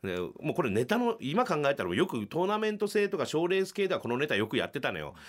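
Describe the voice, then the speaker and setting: A middle-aged man hosting a podcast from a small radio studio, telling a comedy story and acting out the people in it with loud, shouted bursts. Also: wildly swooping pitch, quick pace. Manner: acts out quoted shouting with big pitch jumps. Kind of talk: animated storytelling.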